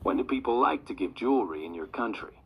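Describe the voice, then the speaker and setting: A man's voice: mid-range voice, lively intonation, fast, slight background noise. A man reading out exam questions, played back through a laptop speaker. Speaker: recorded test examiner.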